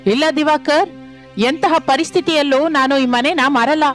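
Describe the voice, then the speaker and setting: A woman's voice: high-pitched, measured pace, faint music behind. A woman voicing a proud struggling family man. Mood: defiant. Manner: dignified, quietly defiant.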